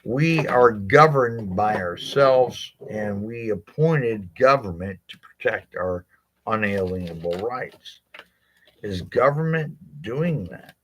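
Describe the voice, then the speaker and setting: A man's voice: fairly low pitch, lively intonation, slow, fairly bright tone, a little hiss or hum. A man, a legal rights advocate, speaking directly to his viewers in a blunt, impassioned monologue, swearing freely and asking rhetorical questions.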